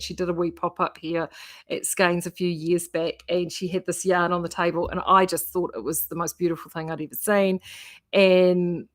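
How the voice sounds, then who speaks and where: A woman's voice: lowish voice, a bit bright. A woman with a broad New Zealand accent chatting casually to viewers in a rambling, self-interrupting way as host of a craft vlog. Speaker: knitting vlogger and yarn shop host. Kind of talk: casual chat to live viewers.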